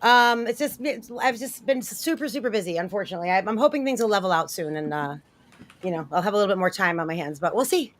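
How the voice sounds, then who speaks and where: A woman's voice: mid-range voice, lively intonation, fast. A woman speaking as a returning panelist over a group video call, casual and hesitant, with many ums and uhs. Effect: voice heard over a group video call. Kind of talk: casual chat. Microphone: computer mic on a video call.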